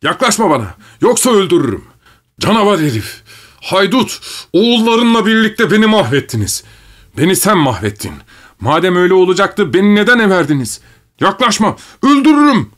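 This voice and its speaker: A man voicing a young male peasant conscript, desperate and volatile, who pleads bitterly and then yells wildly. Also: medium pitch, animated, moderate pace, long pauses, voice pushed up, lightly acted. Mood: raging, shouting.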